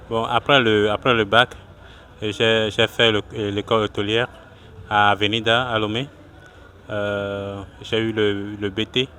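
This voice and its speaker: A man's voice: fairly low pitch, bright, forceful tone, slight background noise. A man from Togo, a cook who runs a small food business, answering interview questions outdoors in a hesitant way with many restarts. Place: outdoors at a street food stall in a city.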